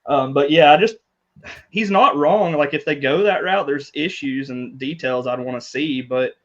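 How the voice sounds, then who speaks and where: A man's voice: a little high, normal speed, dull audio. A man co-hosting a podcast in casual chat, thinking aloud and hedging his points. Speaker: podcast co-host.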